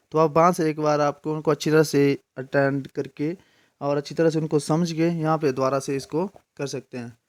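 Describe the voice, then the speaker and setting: A man's voice: on the high side, clean tone. A man giving a casual spoken grammar lesson, mixing in English terms and repeating his own questions before answering them.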